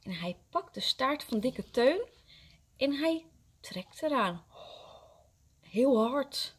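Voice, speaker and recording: A kindergarten teacher, a woman, reading a story aloud to young children with expressive, gentle storytelling. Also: high-pitched, takes it slowly, husky.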